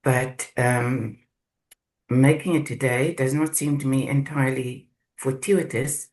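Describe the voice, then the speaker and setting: A man from South Africa sharing his experience in a group video call, speaking slowly and haltingly as he searches for words. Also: mid-range voice, poor audio. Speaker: course participant.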